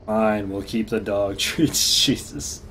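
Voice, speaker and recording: A gaming streamer rambles through casual let's-play commentary, laughing often and swearing now and then. His voice is lowish and a bit bright, with fairly even intonation and an unhurried pace. There's slight background noise.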